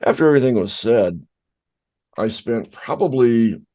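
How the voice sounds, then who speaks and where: A man's voice: medium pitch, animated, moderate pace, dark tone. A middle-aged man co-hosting a podcast, telling a rambling, self-deprecating story in casual chat. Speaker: podcast co-host.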